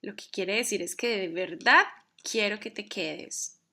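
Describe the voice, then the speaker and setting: A woman teaching a grammar lesson, explaining carefully and reading example sentences slowly. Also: medium pitch, sharp tone. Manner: measured, reads English examples slowly and carefully. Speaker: English teacher.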